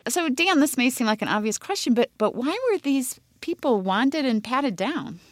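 A woman's voice: sits high, lively intonation, moderate pace, no room sound. A woman interviewing a guest and asking probing questions. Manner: inquisitive, probing.

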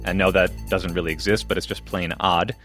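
A man's voice: low voice, flat delivery, a little fast, a bit bright, soft background music. Punning male medical radio co-host. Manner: jokey, fond of puns. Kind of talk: scripted medical news banter.

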